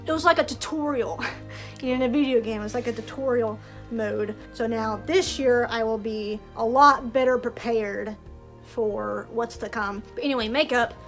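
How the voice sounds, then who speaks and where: A young woman talking casually in a vlog, chatty and full of fillers, her voice a bit tired. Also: on the high side. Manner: chatty, lots of "like", frequent laughs. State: voice tired from projecting. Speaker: festival cast member vlogger.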